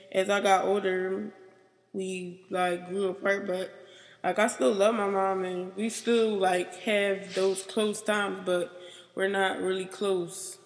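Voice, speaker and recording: A young American woman telling her life story in an interview, halting and rambling, with "like" in nearly every sentence. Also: medium pitch, vocal fry. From United States. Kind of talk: personal interview. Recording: long reverb.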